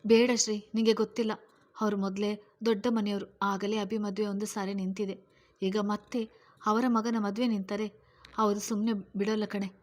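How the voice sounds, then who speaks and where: A woman reads as a distraught mother in a storybook, sobbing through her words. She sounds fretful and pleading, and her pitch barely moves. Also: flat delivery, moderate pace, lightly acted. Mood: tearful. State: crying. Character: distraught middle-aged mother, tearful and fearful.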